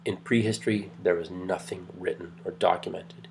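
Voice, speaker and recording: Male lecturer, deep and gravelly, talking in a low, chatty way over faint noise. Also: fairly even intonation, normal speed. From Greece heritage. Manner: rambling, conversational, many fillers and restarts; kept quiet, late at night. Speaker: anthropology lecturer. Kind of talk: recorded online lecture. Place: home at night.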